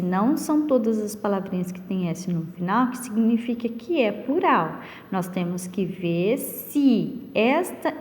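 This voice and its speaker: A woman teaches young children in a recorded class. She speaks slowly and patiently, and her slightly high voice swings up and down as she asks questions and answers them herself. A long reverb trails after her words. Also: darkish tone. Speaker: primary school teacher. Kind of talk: recorded online class lesson.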